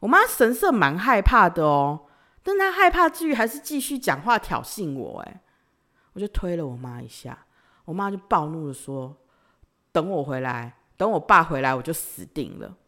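A woman, hosting a podcast and telling a personal story, swinging between loud outbursts and quiet sighs. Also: fairly low pitch. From Taiwan. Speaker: podcast host.

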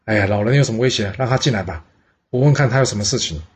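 A man voicing a proud male ruler who speaks in a brisk, demanding way. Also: on the low side, slightly rough. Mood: stern. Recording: dull lo-fi audio.

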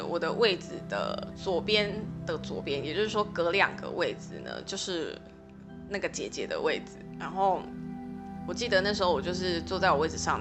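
A young adult woman hosting a podcast, telling a personal story in a rambling, chatty way with many fillers, flaring up when she recounts quarrels. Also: fairly low pitch. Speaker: podcast host.

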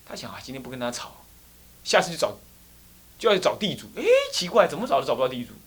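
Taiwanese monk-lecturer, Taiwanese Mandarin accent, bright, very animated storytelling delivery. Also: male voice, medium pitch, quick pace, breathy edge. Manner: animated, laughing, acts out characters and sound effects. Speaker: Buddhist monk, temple abbot.

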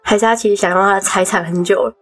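A woman with a Taiwanese Mandarin accent, co-hosting a podcast with quick reactions and quips. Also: medium pitch, fairly even intonation, faint music behind. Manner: short reactive interjections and quips. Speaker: podcast co-host. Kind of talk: casual podcast chat.

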